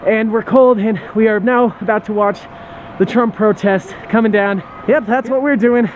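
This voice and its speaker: A man's voice: high-pitched, steady tone, normal speed, noisy background. A young man, a student vlogging outdoors at a street march, joking and sarcastic. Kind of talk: outdoor vlog commentary. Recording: dull phone recording in a loud crowd.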